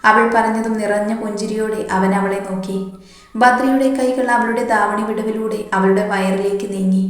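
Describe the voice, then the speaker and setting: A woman reading a romance story aloud in a steady, even narrating voice. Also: medium pitch, moderate pace. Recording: very echoey room.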